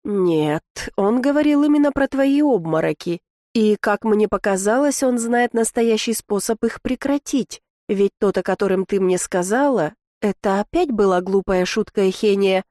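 A woman's voice: mid-range voice, moderate pace, mellow, dry recording, natural voice. Earnest young duke guy, a woman reading him, insistent, audiobook, dry close sound. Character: young male duke, earnest, possessive suitor.

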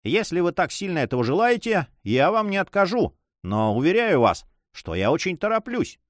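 A man putting on a haughty, higher-voiced nobleman. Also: sing-song, normal speed, no room sound, studio quality. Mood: impatient. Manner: haughty, cold, impatient. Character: haughty, hurried male nobleman, a spy.

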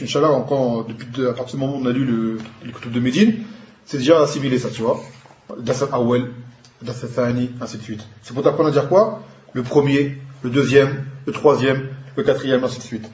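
A man's voice: mid-range voice, fairly even intonation, fairly quick, darkish tone. Man teaching in an echoey room. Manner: explains patiently, switching between French and Arabic terms. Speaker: Arabic teacher. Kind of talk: classroom grammar lesson. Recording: echoey room, dull lo-fi sound.

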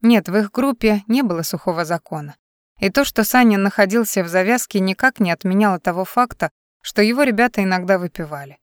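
A woman narrating a novel as an audiobook in an even, measured way. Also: mid-range voice, dry recording, studio quality. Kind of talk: scripted narration.

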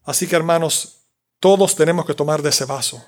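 A man's voice: fairly high pitch, a little fast. A man preaching a sermon in a conversational, joking way, slipping in English words and talking to the congregation.

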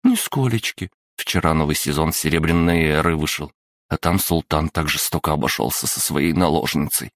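A man reading an audiobook voices an emotional middle-aged mother who talks in a shrill, exclamatory, melodramatic way. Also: normal speed, fairly bright tone, dry recording, clean studio sound. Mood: tearful.

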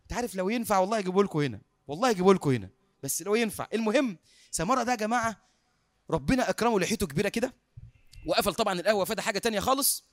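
A man with an Egyptian accent preaching through a lively story, acting out the dialogue and laughing often. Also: high-pitched, very fast, no echo, studio quality. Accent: Egyptian Arabic. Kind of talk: sermon storytelling.

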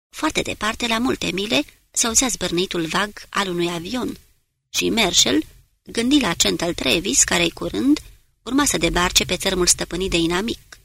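A woman narrating an audiobook in a steady, measured reading voice. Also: mid-range voice, creaky, breathy edge, no echo. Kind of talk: scripted narration.

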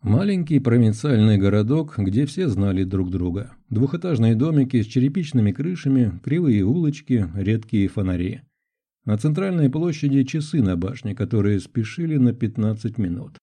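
A man reading an adventure audiobook in first person, with measured, tense storytelling. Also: mid-range voice, warm tone. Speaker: audiobook narrator. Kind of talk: scripted first-person narration.

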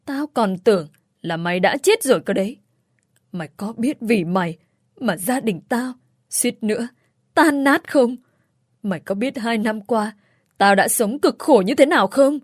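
A woman's voice: fairly high pitch, expressive, measured pace, no echo, studio quality. A woman voicing a scornful older sister who curses her brother with contempt. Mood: contemptuous. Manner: contemptuous, cursing.

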